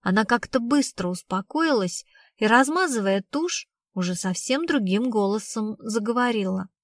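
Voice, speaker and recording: A woman narrating an audiobook in a plain, lively storytelling manner. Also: on the high side, moderate pace, dry recording, studio quality.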